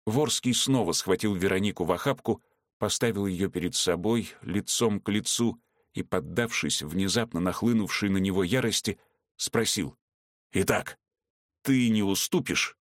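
A man narrating an audiobook in a steady, dramatic storytelling manner. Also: deep voice, normal speed, no room sound, clean studio sound.

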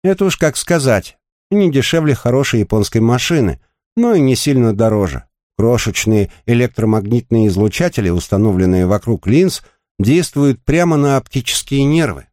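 A man voicing a brash, crude male bike courier who teases and needles in a coarse way, raised above his own voice and lively. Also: medium pitch, moderate pace, no room sound, clean studio sound, pitched above the performer's own voice, natural voice. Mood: mocking.

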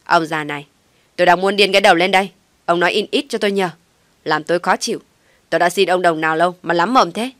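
A woman's voice: fairly low pitch, fast, no room sound, lightly acted. A woman voicing a rude young man in debt who snaps back at his family in a storybook reading. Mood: irritated. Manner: snapping, insolent shouting.

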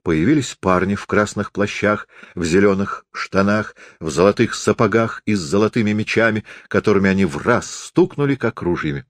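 Expressive male storybook reader. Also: fairly low pitch, moderate pace, few pauses, no echo. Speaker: narrator. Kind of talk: storybook reading.

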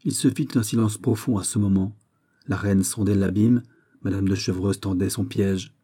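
A man narrating a classic novel as an audiobook in a measured, even way. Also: on the low side, slightly rough. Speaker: audiobook reader.

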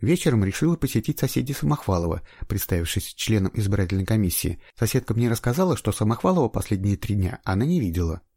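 A man's voice: lowish voice, sing-song, fast talker, hardly any pauses, dark tone, husky, no room sound, studio quality, full character voice. A man voicing an eager young female trainee investigator in an audiobook, with a raised, insistent voice. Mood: earnest. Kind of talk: audiobook reading.

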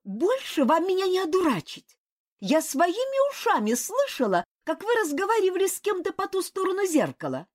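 A woman reading the part of an excitable, indignant young princess in an audiobook. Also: normal speed, exaggerated voice. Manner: high, breathless and reproachful.

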